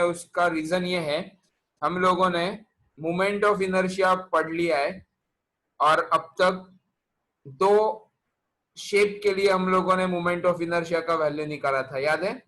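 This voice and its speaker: A man's voice: high voice, steady tone, slow, a bit bright, low-quality recording. A man teaching a physics class online, quizzing his students and mixing English terms into Hindi.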